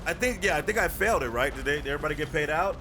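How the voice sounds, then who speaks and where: A man's voice: on the high side, lively intonation, racing, background noise. A man giving casual, slangy live gaming commentary and chatting with his viewers. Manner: slangy, repetitive, easygoing banter. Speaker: game livestreamer. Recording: music behind the voice.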